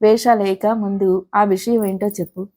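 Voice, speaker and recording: A woman doing a gruff sulking young husband. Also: medium pitch, little pitch movement, moderate pace, darkish tone, close to an everyday voice. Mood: demanding.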